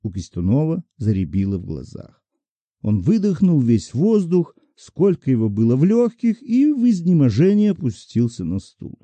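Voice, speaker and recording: Guy narrating an old story, dark voice, dry close recording. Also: mid-range voice, normal speed, no echo, highs cut off. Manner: expressive, animated storytelling. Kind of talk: literary audiobook reading.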